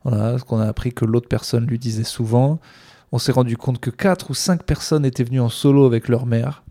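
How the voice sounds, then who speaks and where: A man's voice: medium pitch, fairly even intonation, brisk, warm tone. A man, a stand-up comedian, talking alone on his podcast in a rambling, sardonic way with many fillers. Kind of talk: casual solo podcast monologue.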